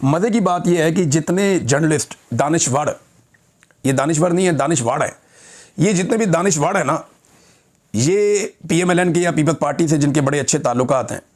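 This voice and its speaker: A man's voice: a little high, moderate pace, a little mellow. A man with a Pakistani Urdu accent giving indignant, impassioned political commentary in a vlog, speaking straight to his viewers.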